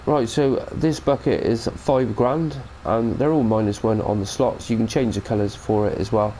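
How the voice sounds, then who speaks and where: On the low side, steady and mellow, this man's voice moves at a moderate pace over a little hiss or hum. He's a British gaming host with a cold, chatting and rambling through a mod review of a farming game while correcting himself.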